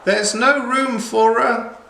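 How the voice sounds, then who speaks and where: A man's voice: very high voice, steady tone, takes it slowly, gravelly, bright, forceful tone, reverberant, slight background noise, pitched above the performer's own voice, exaggerated voice. A man voicing a fussy, kindly female witch in a storybook reading. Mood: exasperated.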